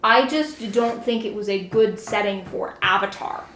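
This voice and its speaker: A woman co-hosting a casual podcast chat, frank and opinionated, quick to chime in. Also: medium pitch, fairly bright tone, slight background noise. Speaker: podcast co-host. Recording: roomy echo.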